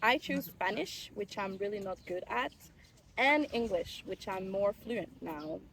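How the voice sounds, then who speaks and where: A woman's voice: medium pitch, lively intonation, a little slow, fairly bright tone, a little hiss or hum. A woman from Reunion Island, hosting a casual chat outdoors in a park and steering the questions. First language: French. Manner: chatty, giggly, steering the questions. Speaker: host.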